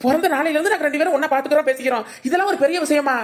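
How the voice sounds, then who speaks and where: A woman voicing a patient, calm young village man in a cartoon, reasoning with the others. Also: high-pitched, racing, lightly acted. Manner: reasoning and soothing.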